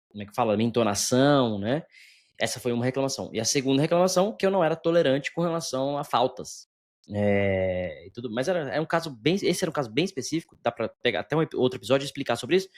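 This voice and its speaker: A man at a medium pitch with a slightly hoarse voice, talking quickly and energetically, almost anxiously, straight to camera. He is blunt and swears freely, packing his talk with filler tags as he rants. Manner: fast, energetic, anxious delivery. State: slightly hoarse, clearing throat. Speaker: instructor, channel host. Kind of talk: casual solo vlog monologue.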